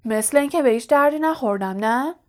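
A memory-wiped, vain wizard teacher speaks in a bewildered, vague way, as a woman reading the story voices him. The voice runs fairly high and lifts a little higher than her narration. It is a storybook audiobook reading. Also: animated. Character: vain, confused male wizard teacher who lost his memory.

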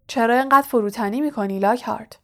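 A woman reading the lines of a wise, kindly old male headmaster in a storybook audiobook, in a calm, soft-spoken way. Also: on the high side. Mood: gentle, kindly.

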